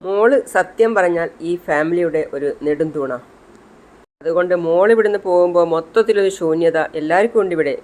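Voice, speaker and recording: A man's voice: high-pitched, brisk, darkish tone, poor audio. A man retelling a TV serial episode in plain storytelling, reading the characters' lines in his own voice. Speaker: serial recap vlogger.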